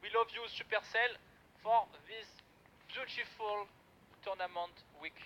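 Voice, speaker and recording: Bright-voiced man calling a game live. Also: sits high, takes it slowly. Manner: chatty, excitable, talks to viewers and reads the chat. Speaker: tournament streamer and commentator. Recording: muffled lo-fi stream audio with faint noise.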